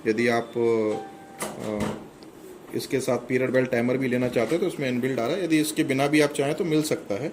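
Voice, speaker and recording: Indoors next to the equipment, a middle-aged man walks through a product demo step by step, explaining plainly with a few hesitations. His mid-range voice is steady and moderately paced, captured in a low-quality recording with slight background noise.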